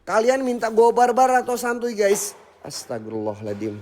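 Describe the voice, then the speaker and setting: Man, ghost-hunt stream host, high voice, loud challenges to spirits and hushed muttered prayers, long echoing reverb. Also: moderate pace. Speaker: paranormal livestream host. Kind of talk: live ghost-hunting stream. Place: hotel, indoors and out by a pool.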